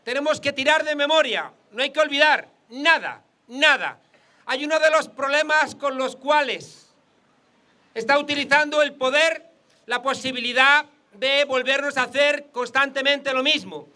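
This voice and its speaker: A man's voice: extremely high pitch, normal speed, sharp tone. A man with a Spain Spanish accent giving a political rally speech outdoors, mixing jokes with rhetorical repetition. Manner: rhetorical, joke-telling, repeats for emphasis.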